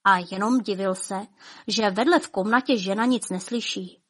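A woman narrating a fairy tale in a rhythmic, dramatic way, with soft drops in her voice. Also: medium pitch, husky. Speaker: storyteller. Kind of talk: expressive fairy-tale reading.

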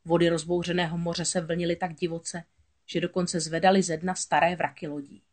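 A woman narrating a children's storybook aloud in a steady, expressive voice. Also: fairly low pitch.

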